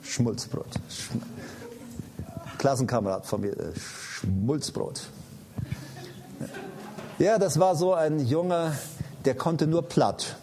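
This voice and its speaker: A man from Paraguay preaching with a somewhat high voice. He hammers his points through repetition and swings from loud exhortation to quiet, personal storytelling. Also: lively intonation, slow, pauses often, noisy background. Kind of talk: sermon.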